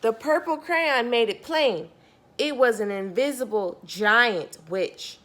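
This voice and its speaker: Reading a picture book aloud to young children, a woman speaks slowly in a slightly high, fairly bright voice. She's expressive, leaning on key words and addressing her listeners directly.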